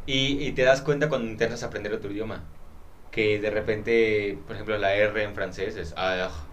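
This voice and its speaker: A man with a Mexican Spanish accent, co-hosting a podcast in casual chat, slangy and animated, with frequent swearing and asides. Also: lowish voice, moderate pace, a little hiss or hum. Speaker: podcast co-host.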